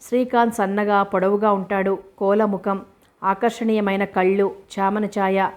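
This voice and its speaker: A woman narrating a novel as an audiobook, in a steady, measured way. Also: medium pitch.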